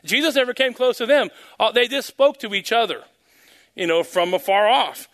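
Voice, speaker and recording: A man's voice: very high-pitched, animated, moderate pace, fairly bright tone. A man leading a church service as pastor, speaking at a pulpit microphone, praying fervently and preaching, and often repeating words and hesitating with ums. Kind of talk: fervent prayer and sermon.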